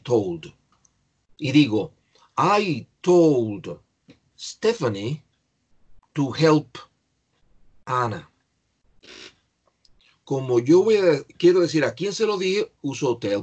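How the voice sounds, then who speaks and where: A male English teacher talks at an unhurried, deliberate pace, leaving room between each phrase. His voice has a husky edge, and he spells words out patiently one letter at a time. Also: medium pitch, darkish tone. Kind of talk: online English lesson.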